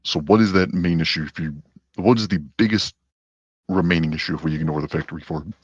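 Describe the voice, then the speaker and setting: A man with a very deep voice that sounds pitch-shifted, debating casually and haltingly on an online voice call. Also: fairly even intonation, slightly rough, dry recording. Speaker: debater on a live call-in show. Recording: dull, lo-fi voice chat audio.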